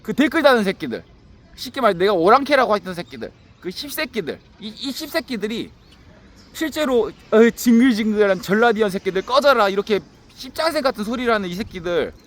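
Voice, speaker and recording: A man's voice: high-pitched, very animated, brisk, a bit bright. A man talking to his viewers in a blunt, profane monologue that keeps circling back and restarting phrases. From Haenam, South Jeolla, Korea. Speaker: YouTuber. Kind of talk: casual monologue to camera.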